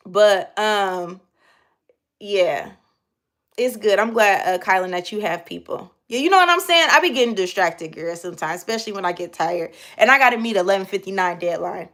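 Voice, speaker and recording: A woman's voice: medium pitch, expressive, normal speed, a bit bright. Young bay woman on a live stream, chatty and slangy, reads comments and talks right to the chat. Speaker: livestream host.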